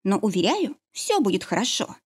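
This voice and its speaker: A woman's voice: mid-range voice, sing-song, normal speed, breathy edge. A woman voicing a worried, loving middle-aged mother in an audiobook, speaking in a fussing, soothing way. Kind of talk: audiobook character reading.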